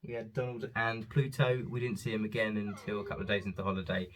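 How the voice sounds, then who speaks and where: A father chats casually at home while showing off his holiday purchases in a haul vlog, rambling and saying "um" often. He talks fast in a lowish voice with little pitch movement, and crowd noise can be heard.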